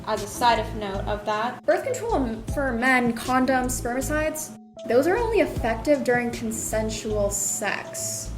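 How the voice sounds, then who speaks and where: Earnest young woman laying out facts. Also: on the high side. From United States. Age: young adult. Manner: earnest, lays out facts and figures. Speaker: student podcast co-host. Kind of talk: casual discussion podcast. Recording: echoey room with music underneath.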